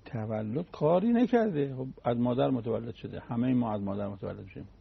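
A man with a gravelly, husky voice gives a relaxed religious talk, illustrating his points with plain stories and examples. The sound is muffled, as on an old radio broadcast. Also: mid-range voice. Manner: folksy, uses everyday anecdotes and examples. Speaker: cleric giving a religious talk.

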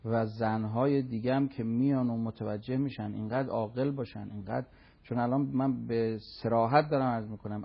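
A man's voice: medium pitch, gravelly, breathy edge, highs cut off. A man giving religious advice on a talk show, speaking fervently and scolding, sometimes acting out other people.

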